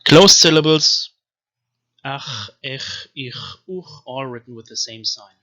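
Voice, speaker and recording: A man's voice: mid-range voice, lively intonation, sharp tone. A man giving an explanatory video lecture on reading an ancient script, carefully sounding out one syllable after another. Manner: slowly spells out syllables one by one. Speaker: language teacher.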